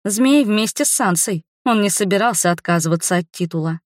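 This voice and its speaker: A woman narrating a fantasy novel in the first person, with lively, ironic storytelling. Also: medium pitch, fairly quick, no echo, studio quality. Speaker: audiobook narrator.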